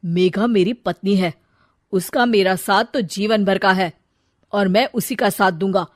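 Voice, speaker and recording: A woman's voice: medium pitch, unhurried, dry recording, clean studio sound, natural voice. A woman voicing a firm, reproachful young man in a storybook drama. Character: stern young adult son siding with his wife.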